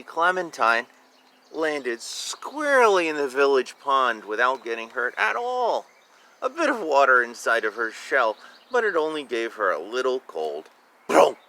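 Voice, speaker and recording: A man with a mid-range, pushed, bright voice reads a children's picture book aloud, expressive and informal, stretching out words and tossing in casual remarks about the pictures. There's a little hiss or hum on the recording.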